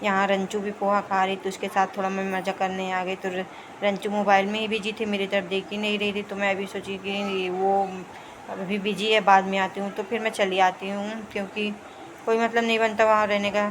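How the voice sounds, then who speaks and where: A woman's voice: medium pitch, level tone, moderate pace, noisy background. A young woman narrating her home vlog in a casual, chatty running commentary on her family's daily routine. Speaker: vlogger.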